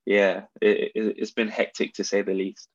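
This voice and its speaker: A man with a South London accent speaks as an interview guest, pausing and restarting as he reflects. His voice sits on the low side and stays quite level in pitch. The sound is a little dull and lo-fi. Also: completely flat delivery. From South London, England. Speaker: interview guest, brand founder. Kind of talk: reflective conversational interview answers.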